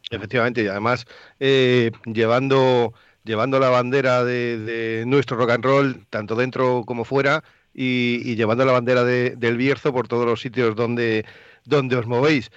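A man's voice: medium pitch, flat delivery, moderate pace, no room sound, dull audio. A male radio host asking questions in an interview, speaking hesitantly with many fillers.

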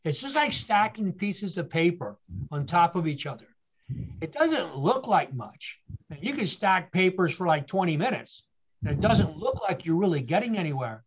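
A man's voice: high-pitched, sing-song, moderate pace, husky, muffled recording. A man telling his story with earnest motivational emphasis. He asks rhetorical questions and repeats key phrases. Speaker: guest speaker.

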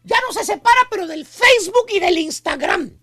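A woman with a Mexican accent telling an animated comic story on a radio talk show, exclaiming and acting out the people in it. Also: very high-pitched, a little fast. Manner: animated, exclamatory, acts out quoted characters.

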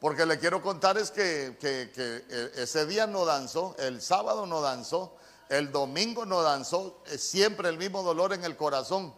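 A man's voice: fairly high pitch, expressive, measured pace, fairly bright tone. A middle-aged man with a Honduran accent preaching a sermon, telling a personal story earnestly and often stumbling and repeating words. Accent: Honduran Spanish. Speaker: pastor.

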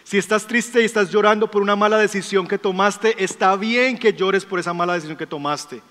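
A man preaching a sermon as pastor, emphatic, asking rhetorical questions and dropping to a softer storytelling voice. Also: sits high, fairly quick. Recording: long hall reverb.

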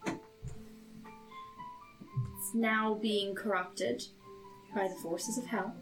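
A woman's voice: medium pitch, steady tone, drawn-out words, low-quality recording. A woman chatting casually as a player in a tabletop role-playing game. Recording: plucked guitar music behind.

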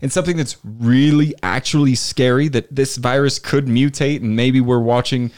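A man's voice: mid-range voice, fairly even intonation, normal speed, a little mellow. A man hosting a podcast in casual chat, presenting trivia and games to his co-hosts. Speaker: podcast host.

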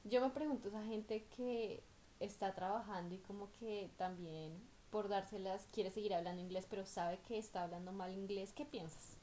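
A young woman talks animated and expressive, her voice at an ordinary middle pitch. A faint hiss runs under the recording. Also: moderate pace. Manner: lively, animated, finishes her partner's sentences. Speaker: vlog co-host. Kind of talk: casual chat.

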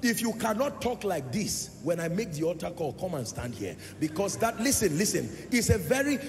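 High, gravelly preacher in a reverberant hall. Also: male voice, sing-song, normal speed. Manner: preaching with sing-song swells and sudden loud rises; asks the congregation questions. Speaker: pastor. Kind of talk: sermon. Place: large church hall. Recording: long hall reverb with music behind.

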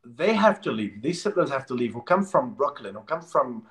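A man's voice: medium pitch, very animated, normal speed, fairly bright tone. A Palestinian man giving an impassioned interview, pressing his points with emphasis and repeating words as he goes. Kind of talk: remote interview.

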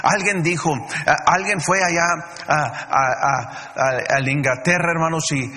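A man's voice: fairly high pitch, measured pace, bright, forceful tone. A man preaching a fervent sermon, constantly calling out to the brethren with many fillers and restarts. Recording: long hall reverb.

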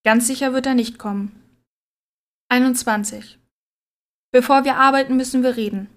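Quiet woman reading a story aloud. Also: sits high, fairly even intonation, moderate pace. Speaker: narrator. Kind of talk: scripted audiobook narration.

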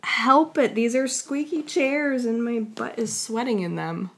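A woman co-hosting a podcast in casual chat, teasing and quick to laugh. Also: a little high. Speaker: podcast co-host.

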